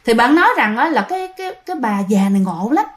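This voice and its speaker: A woman with a southern Vietnamese accent recounts a ghost story in a relaxed, chatty way and keeps talking directly to her listeners. Her voice sits fairly high and swings widely in pitch as she builds the tale. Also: quick pace. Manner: chatty, addresses listeners directly, animated retelling. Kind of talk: casual spoken storytelling.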